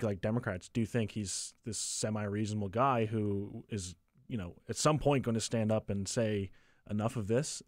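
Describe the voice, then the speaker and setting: Reporter guy guesting on a politics show, kinda low voice, chill and chatty, dry mic. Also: no room sound. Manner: quick, laughing asides, casual filler words. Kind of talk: casual political analysis chat.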